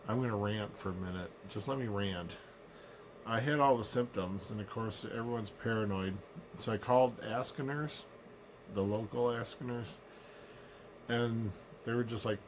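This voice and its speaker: Middle-aged man, sick with a sore throat, low unhurried vlog rant, some room noise behind him. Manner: low, unhurried, subdued delivery. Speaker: vlogger. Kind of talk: casual personal rant to camera. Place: small living room indoors.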